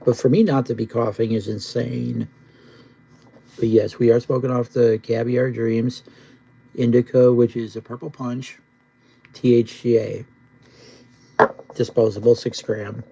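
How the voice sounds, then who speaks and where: A man's voice: mid-range voice, little pitch movement, measured pace, gravelly, long pauses, dark tone, slightly rough, rough recording. A man live streaming casual, rambling chat in a laid-back stoner drawl, often repeating himself. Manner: repetitive, rambling.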